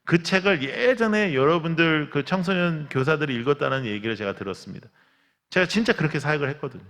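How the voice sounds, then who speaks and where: Gravelly-voiced pastor preaching in a reverberant hall. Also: male voice, a little high, quick pace. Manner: animated storytelling, acts out quotes and cries. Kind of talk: revival sermon. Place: large church sanctuary. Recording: long church hall reverb.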